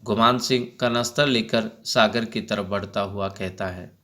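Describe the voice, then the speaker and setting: A man's voice: on the low side, steady tone, unhurried, sharp tone. A male teacher reading a play aloud for an online class and explaining its stage directions.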